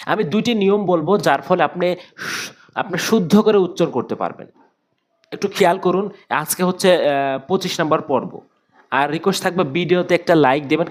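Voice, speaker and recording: Man teaching Quran pronunciation, repeating sounds. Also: sits high. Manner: speaks directly to viewers, checks understanding. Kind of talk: step-by-step pronunciation lesson.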